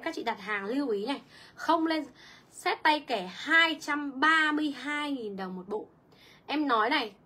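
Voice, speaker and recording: On a livestream, a young online clothing seller makes her sales pitch chattily, reading out viewers' comments. Her voice is a little high, bright, forceful, and husky.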